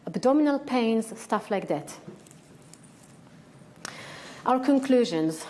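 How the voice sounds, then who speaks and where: A woman's voice: fairly high pitch, a little mellow. A woman with a strong Israeli accent giving a conference lecture in an earnest, frank and emphatic way. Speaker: researcher giving a conference talk. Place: conference hall.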